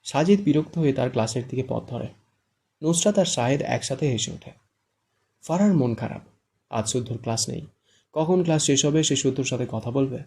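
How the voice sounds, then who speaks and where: Male audiobook narrator, even storytelling delivery, gravelly and dark. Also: mid-range voice, moderate pace. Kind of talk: scripted narration.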